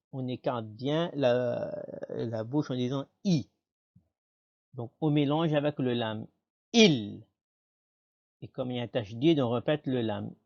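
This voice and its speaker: A man giving a patient pronunciation lesson, saying each word slowly and then repeating it for the learner. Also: mid-range voice, dark tone, dull audio. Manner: patient, models words slowly and repeats them. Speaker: teacher.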